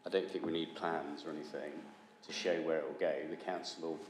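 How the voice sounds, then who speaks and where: Very deep plain-spoken man, echoey room. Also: fairly even intonation, a little fast. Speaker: council representative. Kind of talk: formal public inquiry discussion. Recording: echoey room, faint noise.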